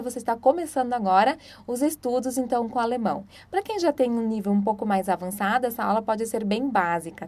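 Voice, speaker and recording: A woman, a German teacher giving a patient, explanatory online lesson and sounding out example words slowly. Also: on the high side, a little mellow. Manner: patient, explanatory, frequent "tá?" and "então"; slow, drawn-out model pronunciations.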